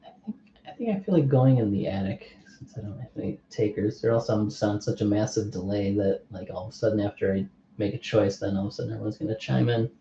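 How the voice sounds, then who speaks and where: A man chatting his way through a board game session, thinking aloud as he sorts out the rules and asks his viewers where to go next. His voice is mellow and relaxed. The recording is somewhat dull, and the room adds a noticeable echo. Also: fairly low pitch, quick pace, a little hiss or hum. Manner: thinks aloud, reads card text, asks unseen viewers. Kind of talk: casual play-through commentary. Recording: muffled, echoey room.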